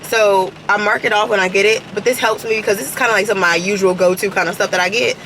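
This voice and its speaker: Late-20s woman vlogger, chatty and drowsy, mid-pitched, rain noise in the recording. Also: fairly even intonation, fast talker, a bit bright. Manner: chatty, sleepy, addresses viewers as y'all. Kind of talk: casual vlog chat. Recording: noisy background with rain.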